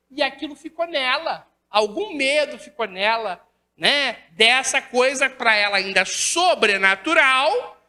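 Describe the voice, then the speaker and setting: A woman's voice: high voice, sharp tone. A woman with a Rio de Janeiro Brazilian accent giving a spiritist lecture, asking rhetorical questions and tagging her sentences with questions to the audience. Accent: Brazilian Portuguese, Rio de Janeiro. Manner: rhetorical questions, constant tag questions, acts out dialogues. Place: lecture hall of a spiritist center. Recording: reverberant hall.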